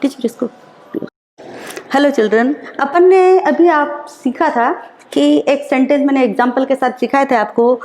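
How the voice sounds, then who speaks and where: A woman teacher, explaining slowly and repeating each example in an online class lesson. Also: high voice, darkish tone. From India. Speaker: school teacher. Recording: roomy echo.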